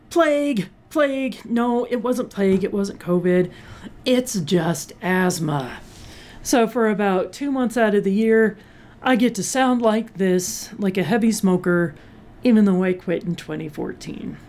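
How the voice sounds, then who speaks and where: A woman host in casual chat, hoarse and short of breath from asthma, chatty with sarcastic asides. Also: mid-range voice, darkish tone. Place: Colorado.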